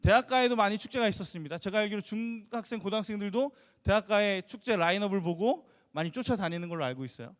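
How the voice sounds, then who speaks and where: A man's voice: high voice, lively intonation, quick pace, hardly any pauses. A man preaching a storytelling sermon at a church youth service, asking the listeners questions. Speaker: youth pastor.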